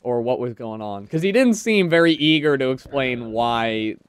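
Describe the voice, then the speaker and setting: A man's voice: mid-range voice, lively intonation, normal speed, a little hiss or hum. A man streaming a game, chatting casually with friends and making teasing jokes. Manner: joking, teasing. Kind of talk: casual gaming chat.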